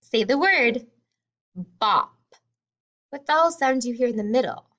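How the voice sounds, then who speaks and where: Slow, patient kindergarten teacher woman. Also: fairly high pitch, lively intonation, a bit bright, lo-fi sound. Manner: slow, clearly sounding out letters and words. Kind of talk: remote phonics lesson for young children.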